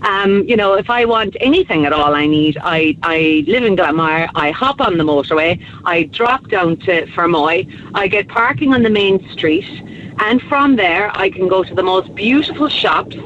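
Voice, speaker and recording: A Kerry woman rings a radio phone-in and makes her point forcefully and indignantly, in the accent of Ireland's southwest. Her voice sits on the low side, animated and at normal speed, coming through a dull phone line with a little noise.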